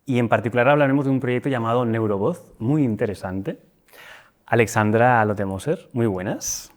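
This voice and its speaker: A man's voice: mid-range voice, moderate pace. Chatty man hosting an interview. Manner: chatty, enthusiastic, rambling. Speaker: podcast host. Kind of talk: interview host.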